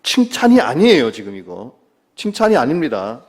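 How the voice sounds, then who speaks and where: A middle-aged male pastor preaching a sermon, asking the listeners questions and answering them himself, dropping low to quote scripture. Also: huge pitch swings, darkish tone. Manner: drops low and slow to quote scripture, rises when stressing a point.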